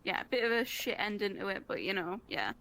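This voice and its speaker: A drunk woman from northeast England with a Northeast English accent. She tells a story in rushed, chatty speech and swears a lot. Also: mid-range voice, expressive, creaky, pushed and bright. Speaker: storyteller guest. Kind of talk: casual chat in a virtual world.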